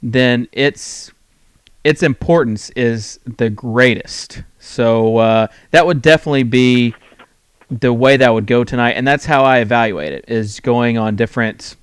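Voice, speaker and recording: A man hosting a fantasy sports call-in show, talking loosely with many pauses and restarts. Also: mid-range voice, smooth, no room sound. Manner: rambling, full of fillers and restarts. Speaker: host. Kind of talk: casual sports talk show.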